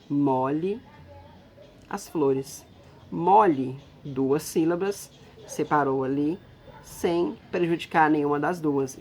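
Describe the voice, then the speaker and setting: A woman's voice: sits low, a little mellow. A woman teacher giving a recorded lesson, explaining patiently step by step and checking in with her students.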